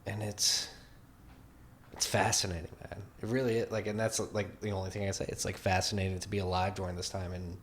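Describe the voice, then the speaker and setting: A podcast host in his twenties runs a casual interview, rambling loosely and saying "like" a lot. His deep voice is fairly quick with little pitch movement, and there's slight background noise.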